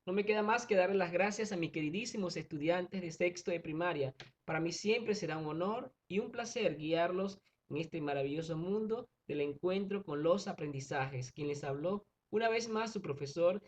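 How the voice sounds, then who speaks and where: A man's voice: sits high, normal speed. A male primary school teacher giving a recorded online grammar lesson, explaining patiently step by step and often checking that students follow. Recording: dull lo-fi recording.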